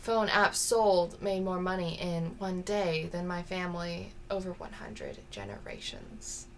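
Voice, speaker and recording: Woman playing deadpan young poet, slow deliberate reading, gravelly. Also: lowish voice, a little hiss or hum.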